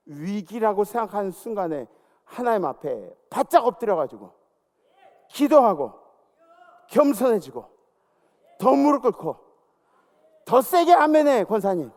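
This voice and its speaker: A man's voice: high-pitched, darkish tone. A male pastor preaching a sermon, exhorting and calling out to his congregation. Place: large church sanctuary. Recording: long church hall reverb.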